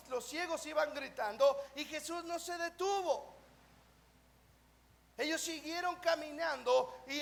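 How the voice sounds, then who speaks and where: A Mexican man preaching a sermon at a live church service, asking the congregation questions and answering them himself, sometimes mimicking whiny prayers in a soft mocking voice. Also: very high-pitched, gravelly. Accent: Mexican Spanish. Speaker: pastor. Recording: live church service with faint background noise.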